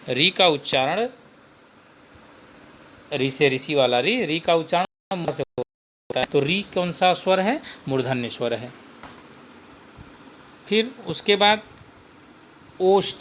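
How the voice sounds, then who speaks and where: A man gives a grammar lesson in a slightly high voice. He goes step by step, repeats every term, and asks questions that he then answers himself. A faint background hum sits under the recording. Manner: slow, repetitive, asks and answers his own questions. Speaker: Hindi grammar teacher. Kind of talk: classroom-style grammar lesson.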